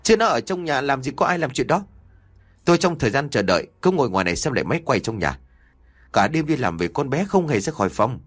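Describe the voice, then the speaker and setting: An anxious middle-aged father in an audio story, voiced by a man. He pleads urgently, his husky voice rising and falling widely. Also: mid-range voice, big pitch swings, quick pace, voice pushed up.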